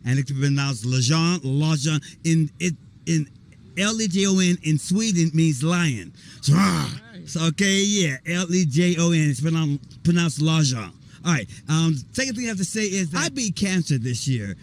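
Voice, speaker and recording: A man, an actor, chatting excitedly and rambling in a casual outdoor interview at a volunteer event. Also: fairly high pitch, normal speed. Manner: excited, rambling, spells things out. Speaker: actor guest.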